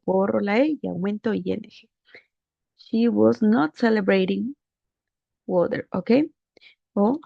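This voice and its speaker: Woman teacher going over a worksheet, patient, lots of little check questions, gravelly low-key tone, muffled lo-fi sound. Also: no room sound. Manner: patient, asks many rhetorical check questions. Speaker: English teacher. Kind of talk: explaining a grammar worksheet.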